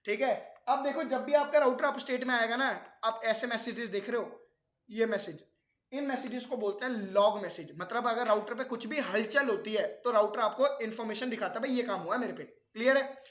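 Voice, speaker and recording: A man's voice: very high voice, normal speed, fairly bright tone. Quizzing male teacher in an echoey classroom. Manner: keeps quizzing the class with questions. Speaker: networking teacher. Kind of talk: classroom lecture.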